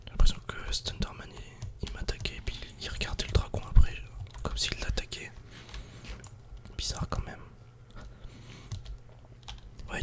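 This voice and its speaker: While gaming, a woman provides ASMR commentary in a breathy, unvoiced whisper, murmuring to herself as well as to her audience.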